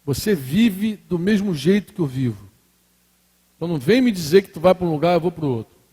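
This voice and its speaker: A middle-aged Brazilian man preaching a sermon as pastor, swinging between loud emphatic declarations and quiet confessional asides. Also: sits high, lively intonation, fairly quick, breathy edge. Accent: Brazilian Portuguese. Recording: long hall reverb.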